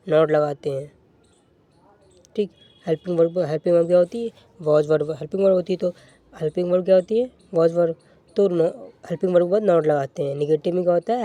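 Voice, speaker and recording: Mellow-voiced male teacher drilling grammar rules. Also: fairly high pitch, dry recording. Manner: asks and answers own questions, repeats rules; slows right down to dictate example sentences. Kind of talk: English grammar lesson.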